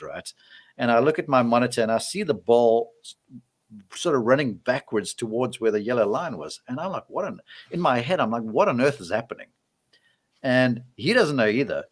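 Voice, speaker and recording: A man telling a golf story on a podcast, his voice sitting in a middle pitch. He talks casually and acts out the lines of the people in his story. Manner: storytelling, acts out quoted exchanges. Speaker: on-course golf reporter.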